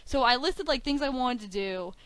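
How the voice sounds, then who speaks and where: A woman's voice: sits high, normal speed, smooth, dry recording, rough recording. A woman in her twenties, a wrestling commentator, chatting as a guest and acting out quoted dialogue. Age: 20s. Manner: animated storytelling with quoted dialogue, frequent "like". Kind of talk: casual interview chat.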